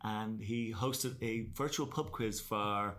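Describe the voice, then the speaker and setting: A man's voice: lowish voice, takes it slowly, fairly bright tone. Chatty man co-hosting a podcast. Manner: chatty, jokey, rambling asides. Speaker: podcast co-host. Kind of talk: casual business podcast chat.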